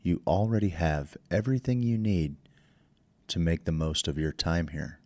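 A man leading a guided meditation in slow, soothing instructions, speaking into a close microphone. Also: deep voice, mellow, no echo.

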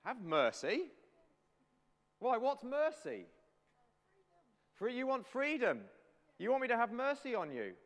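A man's voice: very high-pitched, wildly swooping pitch, unhurried, pauses often, voice pushed up, exaggerated voice. A man playing an imperious king who scornfully questions a prisoner, in a long reverberant hall. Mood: stern.

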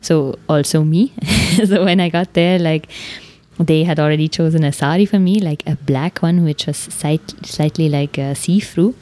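Speaking at a normal speed, a Swiss German–native podcast host offers a reflective personal monologue. Her voice is low and mellow, and she searches for words thoughtfully, leaning on plenty of "like"s as she muses.

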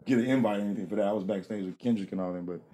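A man's voice: lowish voice, rapid-fire, warm tone. A man being interviewed in a casual, rambling conversation, laughing often and restarting his sentences. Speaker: interview guest, rapper and producer.

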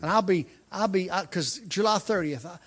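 A man in his fifties preaching a sermon, driving points home with repeated lines and quick restarts. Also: high-pitched, fairly bright tone. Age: 50s. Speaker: pastor.

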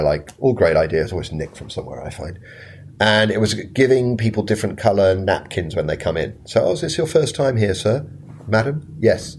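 A man's voice: sits low, a little mellow, a little hiss or hum. A man who runs a restaurant business, chatting on a panel and telling a story while acting out the quoted lines with self-mocking humour. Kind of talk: casual panel chat.

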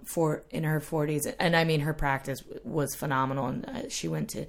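A woman's voice: deep voice, fairly even intonation, moderate pace. Chatty woman podcast host in her thirties. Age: 30s. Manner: chatty, laughs often, many fillers. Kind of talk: casual interview chat.

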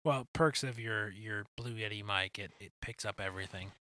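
Bright-voiced young man hosting a chat. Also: on the low side, moderate pace. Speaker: podcast host. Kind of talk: casual chat.

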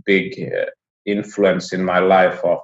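Guest voice: low, unhurried man from Finland, halting speech, muffled echoey call audio. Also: little pitch movement. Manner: halting, frequent restarts. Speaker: podcast guest. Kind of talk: casual interview chat.

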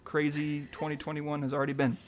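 A man's voice: fairly high pitch, completely flat delivery, slight background noise. Upbeat man hosting a trivia game. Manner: upbeat, chatty, reads questions slowly. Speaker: quiz host. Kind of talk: casual quiz hosting.

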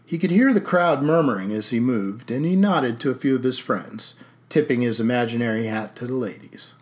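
Steady male audiobook narrator. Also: medium pitch, moderate pace.

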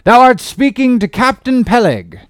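A man voicing a gruff, suspicious old male sea captain who blusters loudly in old-fashioned speech. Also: expressive, normal speed, no room sound, studio quality. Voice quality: loud, booming, archaic speech.

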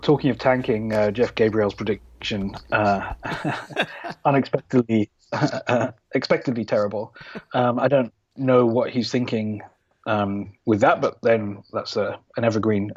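A man's voice: lowish voice, steady tone, measured pace, a little mellow, slightly rough, no echo, highs cut off. A man co-hosting a sports podcast, chatting casually with lots of fillers and restarts. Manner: hesitant, many fillers and restarts. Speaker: podcast co-host.

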